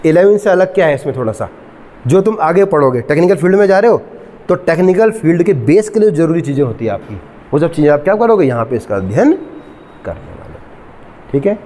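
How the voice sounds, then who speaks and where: A middle-aged man teaching a physics class, mixing English terms into his lecture, regularly checking whether students follow, and slowly dictating definitions. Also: fairly high pitch, expressive, dark tone, big-room sound. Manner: asks students frequent check questions, mixes English terms.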